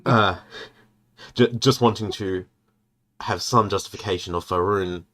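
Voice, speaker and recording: Low-voiced man musing in character. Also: fairly bright tone. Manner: musing, halting, with frequent fillers. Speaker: player. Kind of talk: in-character tabletop roleplay.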